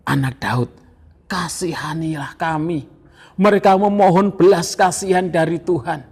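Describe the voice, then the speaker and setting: A man with an Indonesian accent preaching an evening devotional sermon, slow and emphatic, repeating phrases. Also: high voice, darkish tone. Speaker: pastor.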